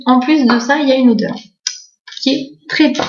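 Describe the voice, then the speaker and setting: A chatty woman, her voice sitting a little high, eagerly talking through her beauty finds with constant fillers. The room is echoey, and the recording sounds dull and lo-fi. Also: fairly even intonation, normal speed. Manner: chatty, many fillers and "voilà"; enthusiastic about bargains. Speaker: beauty vlogger. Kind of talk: casual haul video.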